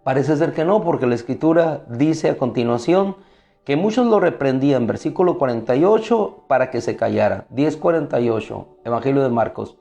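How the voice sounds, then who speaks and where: A man's voice: medium pitch, lively intonation, normal speed, gravelly, dark tone, soft background music. A man preaching a devotional sermon, emphatic, asking rhetorical questions and repeating phrases.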